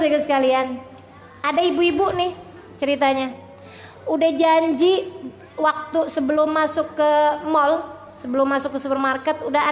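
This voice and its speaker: A woman religious teacher, preaching in a lively, animated storytelling way. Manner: animated storytelling, acts out scenes with high squeals and laughter. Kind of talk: lively sermon.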